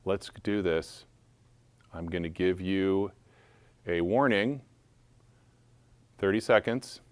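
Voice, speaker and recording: Low-voiced playful male charity auctioneer. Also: slow pace, dry recording. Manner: playful, joking asides between bids. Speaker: auctioneer at a school benefit. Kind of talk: live charity auction calling.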